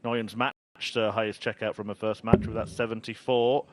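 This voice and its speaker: A man's voice: fairly low pitch, flat delivery, normal speed. A man giving analytical live commentary on a darts match. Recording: loud background noise.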